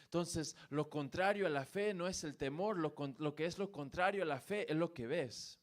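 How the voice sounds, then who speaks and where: A male preacher delivers a sermon from a church, his voice sitting somewhat high for a man. He builds to emphatic, passionate peaks and then drops to quiet, repeated refrains. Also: moderate pace. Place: church sanctuary.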